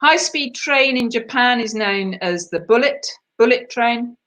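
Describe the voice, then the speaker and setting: A woman's voice: fairly high pitch, a little slow, fairly bright tone. A woman hosting an online quiz over a video call, reading out the answers in a chatty, self-deprecating way and laughing at herself. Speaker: quiz host.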